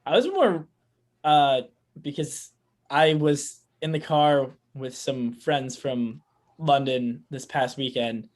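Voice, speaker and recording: A man with a mid-pitched voice co-hosts a podcast in an easygoing, upbeat way. He keeps the game moving casually. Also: slow pace. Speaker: podcast co-host running the game. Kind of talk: casual chat.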